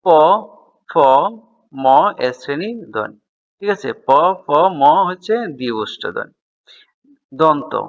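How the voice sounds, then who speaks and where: A man's voice: fairly high pitch, pushed and bright, lo-fi sound. A man teaching a school grammar lesson, explaining step by step and answering his own questions.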